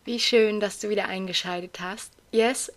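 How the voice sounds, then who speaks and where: A young adult woman hosts a solo podcast, chatting casually in a hoarse, raspy voice with self-deprecating asides. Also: mid-range voice, steady tone, normal speed, faint music behind. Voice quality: raspy, grating voice. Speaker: podcast host.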